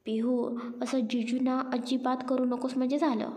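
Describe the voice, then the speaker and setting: A woman's voice: high-pitched, little pitch movement, moderate pace, dark tone, close to an everyday voice. A woman voicing a playful young woman who teases her newly married friend. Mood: teasing. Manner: teasing, cheeky.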